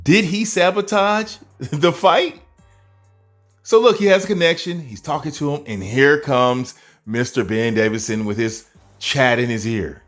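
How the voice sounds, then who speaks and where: A man commentating over a boxing video in an animated way, full of rhetorical questions and chuckling asides. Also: on the high side, unhurried, faint music behind.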